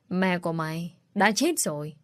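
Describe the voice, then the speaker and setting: A scheming middle-aged stepmother sneers and threatens in a dry, close audiobook reading, voiced by a woman narrator. Her voice sits low for a woman. She speaks with open contempt. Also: no echo.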